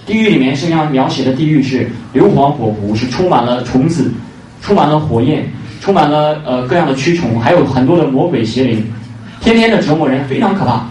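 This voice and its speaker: A man preaching an evangelistic sermon with emphasis, repeating key phrases and pausing on fillers between points. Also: fairly high pitch, animated, a little mellow. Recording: roomy, distant mic, faint noise.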